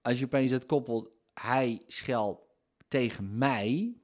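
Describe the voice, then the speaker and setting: A man's voice: medium pitch, takes it slowly. A man giving an explanatory monologue on hypnosis, talking conversationally, working through everyday examples and often checking in with tag questions.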